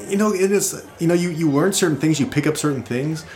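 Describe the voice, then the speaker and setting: A man's voice: a little high, fast talker, a little mellow. A man talking casually as an interview guest, reflective and rambling with restarts. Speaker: guest designer. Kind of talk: casual conversation.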